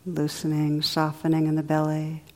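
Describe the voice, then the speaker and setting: A woman leading a guided meditation in a soothing, unhurried way, with soft, drawn-out phrasing. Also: low-pitched, completely flat delivery. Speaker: meditation teacher.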